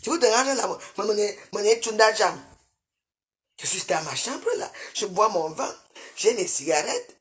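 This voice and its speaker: A combative woman rants live at her viewers. She talks into a phone in her bedroom, alternately loud and scolding, then dropping to low mutters. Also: expressive, measured pace. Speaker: livestreamer. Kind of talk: live video rant at viewers.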